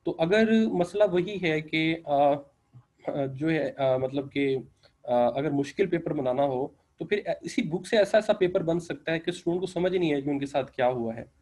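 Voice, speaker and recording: A man's voice: fairly high pitch, normal speed, a little mellow, rough recording. A man with a Pakistani accent teaching an English literature lecture online, explaining patiently, slipping into English and leaning on filler phrases.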